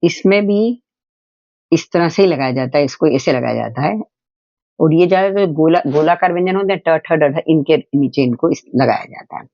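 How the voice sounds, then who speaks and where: Male teacher, patient and repetitive, with a gravelly, slightly high voice, recorded in a dry, muffled setup. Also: animated, a little mellow, no room sound. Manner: patient, explains slowly with repetition and examples. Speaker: Hindi teacher. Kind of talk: step-by-step grammar lesson for children.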